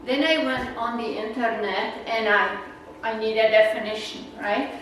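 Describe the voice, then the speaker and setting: In a meeting room, a Czech woman chats her way through slides for a naturalist club, her accent noticeable and her talk loose, laughing, and filler-heavy. Her voice sits on the high side, fairly bright, at a moderate pace with fairly even intonation. The recording is echoey, noisy, and picks her up from far away.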